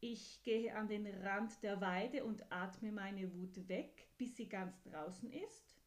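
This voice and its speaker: Woman putting on a troubled young horse from a bedtime story, voice lifted high and pressing, slow and careful, earnest about wanting to feel better. It sounds like a child working something out aloud. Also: lightly acted. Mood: resolved. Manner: higher and louder than the narration, pleading.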